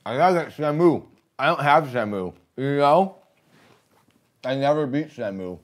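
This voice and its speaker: Excitable man rambling on a game stream. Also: mid-range voice, normal speed. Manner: excitable, rambling, laughs often. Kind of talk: casual livestream chat while gaming.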